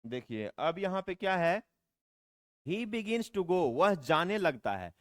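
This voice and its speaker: A man gives a grammar lesson in a smooth, clear voice that sits a little high for a man. He repeats every point and keeps asking his listeners rhetorical questions, slowing right down on each English example sentence. The sound is dry and close, with almost no room echo. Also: big pitch swings, a bit bright. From India. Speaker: spoken English teacher. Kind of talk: classroom lecture explaining grammar.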